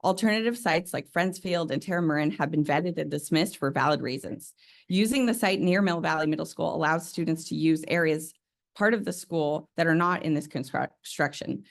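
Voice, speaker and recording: Gravelly woman reading a statement. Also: low voice. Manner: reads a prepared statement briskly. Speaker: parent speaking for a group. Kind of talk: read public comment at a board meeting.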